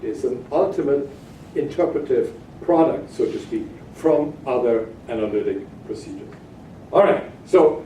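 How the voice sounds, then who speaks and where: A man giving a halting academic keynote lecture, with frequent hesitations, in a conference room. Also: a little high, dark tone. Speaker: keynote speaker. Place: hotel conference room, at a lectern. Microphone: far camera at back of room. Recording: echoey distant room recording with noise.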